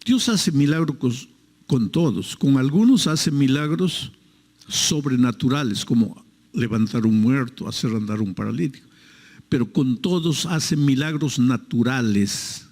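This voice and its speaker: A man's voice: medium pitch, expressive, a little slow, darkish tone, big-room sound. A male pastor preaching a sermon, telling a story earnestly and acting out its dialogue.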